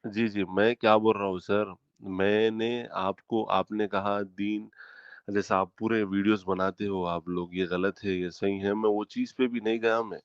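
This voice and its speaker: A man's voice: on the low side, little pitch movement, clean tone, no room sound. A man calling into a heated online debate over an internet connection that keeps breaking up, answering insistently and repeating his polite acknowledgments. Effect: breaking-up internet call audio. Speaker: debate caller defending his faith. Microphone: video or voice call. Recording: dull, dry, choppy online call.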